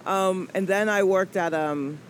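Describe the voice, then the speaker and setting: Chatting casually as an interview guest, a Southern comedian in her forties from Atlanta talks at a slightly slow pace in a medium pitch. She jokes and wanders off topic with many fillers, and there's a little background noise.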